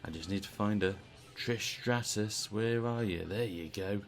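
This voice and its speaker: A British man giving casual play-by-play commentary on a video game wrestling stream, chatty and relaxed. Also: lowish voice, measured pace, soft background music. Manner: chatty, relaxed, asks the audience.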